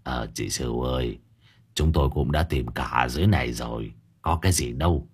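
A man voicing a weary older village man who speaks low and resigned, in an audiobook. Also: normal speed, husky, heavily acted.

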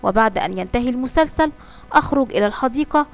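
Storybook boy, stubborn karate fan, shouts his moves, fairly high, read by a woman. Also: animated, very fast. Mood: boastful.

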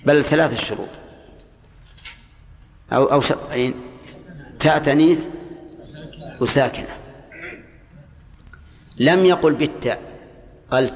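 Older man teaching grammar, echoing hall. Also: mid-range voice. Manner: explains step by step, quizzing students, repeating key points. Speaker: Islamic scholar teaching Arabic grammar. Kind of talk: classroom lesson. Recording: old lecture tape in a reverberant hall, faint hiss.

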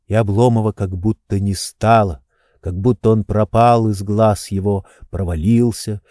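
A male reader narrates a classic novel at a slow, unhurried pace. His voice is dark and mellow, recorded close and dry with no room sound. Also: fairly low pitch, steady tone, dry recording. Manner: measured, unhurried storytelling. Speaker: audiobook reader.

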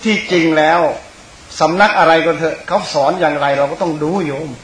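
Speaking straight to his audience, a male Buddhist monk and teacher delivers a loose, chatty Dhamma talk that wanders as he goes. He sounds somewhat high, brisk and a bit bright, recorded in an echoey space with noticeable hiss.

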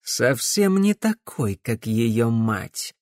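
A venomous witch drips contempt with every word, as a male narrator puts her on. Her voice is pitched up and the sound is close and dry. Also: takes it slowly, dry recording. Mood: sneering. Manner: sneering, contemptuous. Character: scornful witch of a noble household, cold and venomous.

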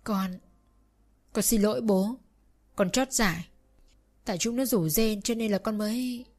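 A woman's voice: mid-range voice, a little slow, a little mellow, lightly acted. A woman voicing a panicked young man who begs his father for help. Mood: begging. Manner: frantic, pleading.

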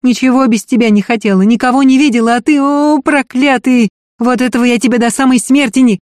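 A man reading aloud, voicing a fiery, quick-tempered young woman who scolds at full voice. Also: extremely high pitch, no echo, clean studio sound, pitched above the performer's own voice. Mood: furious. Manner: shouting, scolding. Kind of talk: audiobook reading.

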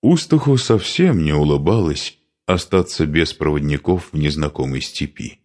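Very deep-voiced male audiobook narrator. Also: animated, normal speed, a little mellow.

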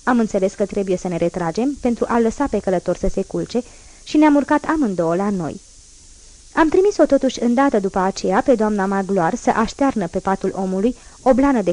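A woman's voice: medium pitch, lively intonation, a little mellow. Woman reading a classic novel aloud. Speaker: audiobook narrator. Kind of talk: literary audiobook reading.

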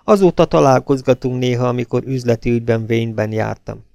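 A man voicing a nervous, smooth-talking young husband who protests his innocence. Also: mid-range voice, a little mellow, no room sound, clean studio sound, lightly acted. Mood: guarded. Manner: flustered, protesting.

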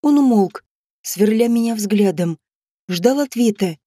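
A woman narrating a first-person audiobook in a steady, measured reading with quiet emotion, close to the mic. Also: medium pitch, no echo.

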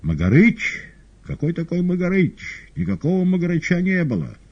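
A man voicing a sly, fussy male trickster in an audiobook, shrill and sing-song. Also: very animated, normal speed, vocal fry, exaggerated voice. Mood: mocking. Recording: dull lo-fi audio.

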